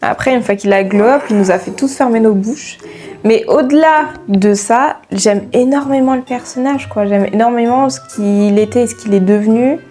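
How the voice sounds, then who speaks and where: A young woman with a French accent, chatting casually to her viewers in an animated, giggly way. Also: fairly high pitch, normal speed, soft background music. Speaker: YouTuber. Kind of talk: casual chat to camera.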